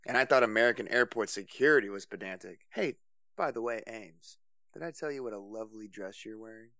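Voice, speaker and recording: A man's voice: on the low side, fairly quick, a bit bright, no room sound, clean studio sound. A man voicing a cocky, charming radio host who talks in a flippant, breezy way.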